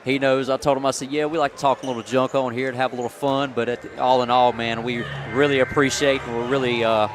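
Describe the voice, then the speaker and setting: Noisy gym sounds fill the background of this live radio broadcast, where a man gives laid-back, conversational pregame analysis as a basketball color commentator, dropping "man" often. His medium-pitched voice is flat, fast, and barely pauses.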